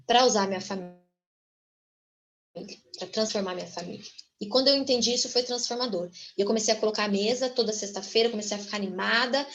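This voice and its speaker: A woman with a Brazilian Portuguese accent giving a church testimony, telling her story in a lively, animated way and often calling out to the audience. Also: on the high side, lo-fi sound. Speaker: guest speaker giving a testimony.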